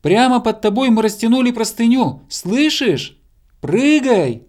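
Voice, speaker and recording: A grumbling, take-charge bear cub, voiced by a man reading a storybook, barking out orders in a raised, lively voice. He sounds bossy but determined to help. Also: high-pitched, takes it slowly, voice pushed up, exaggerated voice. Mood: commanding. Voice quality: gruff, commanding shouts.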